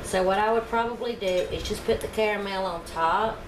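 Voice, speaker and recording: Her medium-pitched voice moves fairly quickly as she chats casually to the camera. She's a home cooking vlogger demonstrating baking in her own kitchen, homey in tone and talking while she works, with echo and background noise around her.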